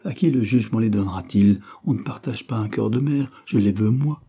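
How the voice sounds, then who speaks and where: A man's voice: on the low side, brisk, dark tone, husky. A man reading aloud and voicing a dignified, tearful young noble mother, pleading and proud.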